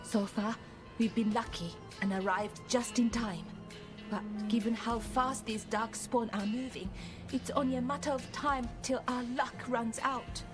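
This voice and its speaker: A woman's voice: fairly high pitch, a little slow, natural voice. A woman playing an earnest young leader. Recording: game cutscene with music behind.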